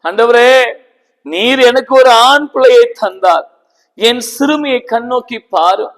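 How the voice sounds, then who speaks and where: A male preacher acting out a grieving childless woman who pours out a desperate, pleading prayer. The voice sits high and moves slowly, and a long reverb trails behind each phrase. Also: animated, a bit bright, exaggerated voice. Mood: tearful pleading.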